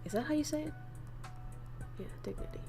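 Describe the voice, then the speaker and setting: Music plays in the background as a young northern Vietnamese woman livestreams, teaching idioms in a Vietnamese accent. She has a high voice with lively intonation and a brisk pace, chatting casually, laughing often and reading chat messages aloud.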